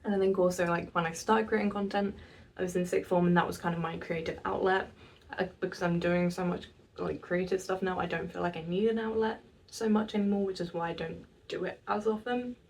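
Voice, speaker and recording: A nineteen-year-old woman, chatting casually in a vlog, self-mocking and quick to laugh. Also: on the low side, steady tone, darkish tone, far from the mic. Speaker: vlogger.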